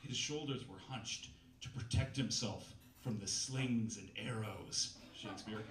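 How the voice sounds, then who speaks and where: A man in his thirties with a fairly low, fairly bright voice reads a novel a little slowly at a comedy reading night, playing it mock-dramatic with wry asides. He stands at a stand mic on a small bistro stage before a live audience, filmed from afar, so the sound is roomy and distant with faint noise.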